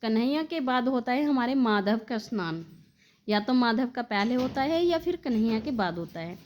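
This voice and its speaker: A woman narrating a devotional story in a slightly high voice. She speaks fondly and directly to her listeners as dear devotees, in a plain storytelling manner. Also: animated, moderate pace, slight background noise.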